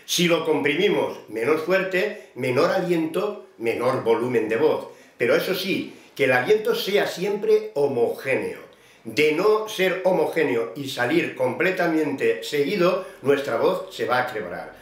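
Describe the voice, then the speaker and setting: A man teaches singing technique in a calm, explanatory way, his speaking voice sitting a little high for a man. He talks straight to one student, going over each step with care. The sound is roomy, with a clear echo off the walls. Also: a little slow. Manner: patient, explanatory, addressing a student by name. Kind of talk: vocal technique lesson.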